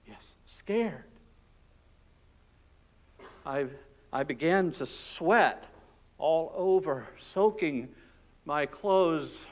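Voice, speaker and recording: A pastor acting out Barabbas, a frightened freed male prisoner, in an emotional, hushed and halting dramatic monologue in a church. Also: a little high, animated. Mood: fearful. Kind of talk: dramatic first-person monologue. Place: church sanctuary.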